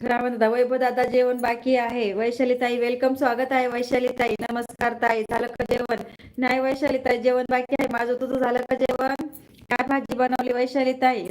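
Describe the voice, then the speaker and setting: A woman with a fairly high voice that stays flat and even, chatting through a casual livestream on her phone. She greets viewers one by one by name and reads their comments aloud. She keeps checking that her sound is getting through. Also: moderate pace, poor audio. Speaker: live stream host. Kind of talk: casual live chat reading viewer comments.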